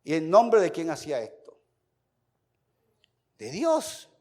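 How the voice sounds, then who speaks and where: Man, pastor, sermon, fairly high voice, animated delivery. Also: slow. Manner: reads scripture aloud, then explains with asides; animated, swings between loud emphasis and soft muttering. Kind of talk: Bible-school sermon.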